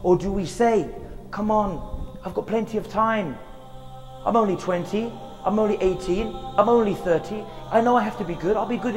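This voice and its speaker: Standing outdoors in a graveyard, a man in his thirties preaches an earnest religious reminder, pleading through rhetorical questions. His voice is high and a little mellow, caught on a lapel mic with a long reverb tail.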